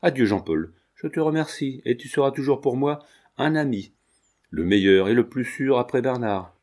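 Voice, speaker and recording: Un homme lisant une jeune femme du peuple, ferme et fidèle. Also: male voice, medium pitch, expressive, normal speed, darkish tone, lightly acted. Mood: firm. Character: young working-class woman, firm and loyal.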